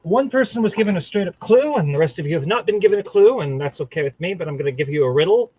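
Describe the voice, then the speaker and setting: A man's voice: high-pitched, animated, fast, husky, dry recording, highs cut off. A man hosting his own channel, giving a combative, profane solo monologue that rambles and restarts mid-sentence. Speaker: channel host.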